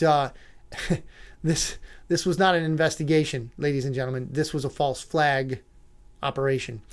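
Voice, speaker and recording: A man with a notably high voice hosts a talk-radio show. He comments with sarcasm and mocking asides. He rambles with fillers and restarts.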